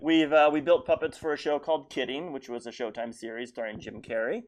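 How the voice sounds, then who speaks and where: An American man talks in a casual interview. His voice sits at an average pitch as he explains things as a craftsman who builds puppets. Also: a little fast, slight background noise.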